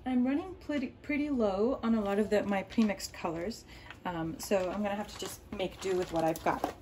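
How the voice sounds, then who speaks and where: In her indoor home art studio, a woman whose first language is Arabic hosts a painting tutorial, explaining casually as she works. She rambles with lots of ums and restarts, speaking at normal speed in a mid-range voice over background noise.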